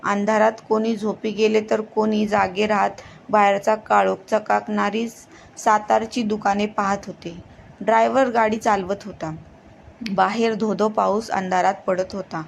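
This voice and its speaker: A woman's voice: medium pitch, level tone, unhurried, gravelly, slight background noise. A woman narrating a horror story, reading steadily, often tripping and restarting her words. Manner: reads steadily with frequent slips and restarts.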